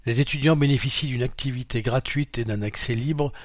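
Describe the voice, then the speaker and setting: A man's voice: medium pitch, fairly quick, dry recording. Man reading a magazine aloud, dry. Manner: reads out quote marks and page numbers, steady informative delivery. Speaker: magazine reader. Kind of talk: read-aloud narration of a printed magazine.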